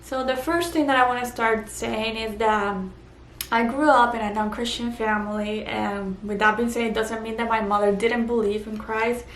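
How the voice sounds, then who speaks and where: An earnest woman from Puerto Rico gives a personal testimony in her vlog, her voice on the high side and steady in tone. She speaks haltingly with fillers and restarts. The room is echoey, with faint background noise.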